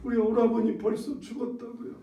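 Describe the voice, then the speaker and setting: A man's voice: very high-pitched, flat delivery, a little fast, mellow, pitched above the performer's own voice. A man voicing a grieving young woman who reproaches Jesus as she pleads, in an echoey hall heard from far off. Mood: reproachful.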